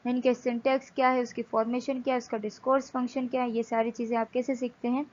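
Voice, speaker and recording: A woman lecturing from slides, reading English text slowly and explaining it in Hindi. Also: fairly high pitch, little pitch movement, darkish tone, lo-fi sound.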